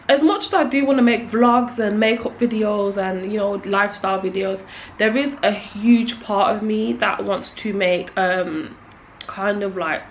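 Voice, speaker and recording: A young woman talks casually to camera with a lisp, as if her swollen cheek stops her mouth closing fully. Her pitch is average, and she rambles in a candid, slangy way. There is faint noise behind her. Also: highs cut off. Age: young adult. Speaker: video creator.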